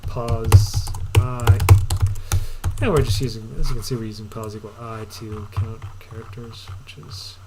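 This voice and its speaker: A man's voice: fairly low pitch, level tone, measured pace. A man thinking aloud as he codes, muttering to himself in short, trailing fragments in a casual live-stream commentary style. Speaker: programmer streaming live coding. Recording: loud background noise, keyboard clatter. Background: typing and mouse clicks.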